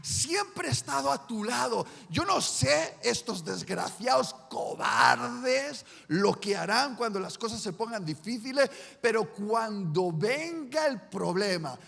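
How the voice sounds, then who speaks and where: A man voicing a brash, boastful male disciple who shouts his loyalty, a rough fisherman sure of himself. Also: high voice, full character voice. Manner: bold, emphatic, shouting. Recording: reverberant church hall.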